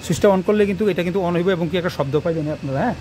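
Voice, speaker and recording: Working through wiring for his channel's viewers, this male electrician rattles along rapidly and repeats himself. His high, darkish voice reaches a phone camera set up close by, with faint noise in the background.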